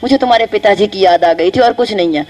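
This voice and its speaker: A sorrowful widowed queen mother speaking softly to her children in a storybook tale, as a woman storyteller voices her. Her voice drops low and quiet, gentle and tired with grief. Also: fast talker, lightly acted. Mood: sad. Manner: soft, sad, soothing.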